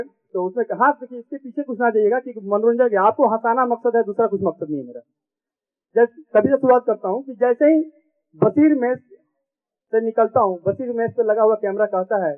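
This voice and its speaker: A man performing a comic poem on stage, repeating each verse line twice for effect, on a tinny recording. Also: extremely high pitch. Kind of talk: comic poetry recitation. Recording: tinny phone-like sound.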